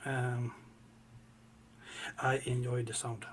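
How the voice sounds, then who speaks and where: A man co-hosting a music reaction chat, talking haltingly with many fillers and restarts. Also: medium pitch, little pitch movement, noisy background. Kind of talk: casual chat.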